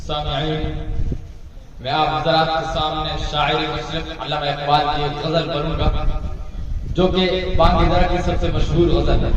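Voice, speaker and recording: A man with a very high, bright voice addresses a poetry gathering in a formal, declamatory way. His emphatic recitation rings through a heavily echoing hall, picked up from a distance. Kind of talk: introductory talk and Urdu ghazal recitation at a poetry gathering. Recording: echoey hall, distant mic, background noise.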